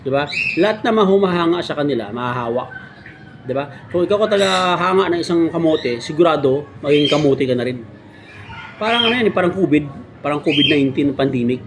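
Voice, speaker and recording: A man's voice: on the high side, lively intonation, brisk, noisy background. A man giving a mock motivational talk on his vlog, sarcastic and preachy, tagging his points with a constant "right?". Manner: sarcastic, keeps asking "di ba?". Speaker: motovlogger.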